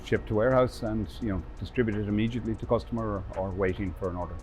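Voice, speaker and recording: A man's voice: fairly low pitch, steady tone, fast, a little mellow. A man, a process engineer explaining his work conversationally. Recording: background music under voice.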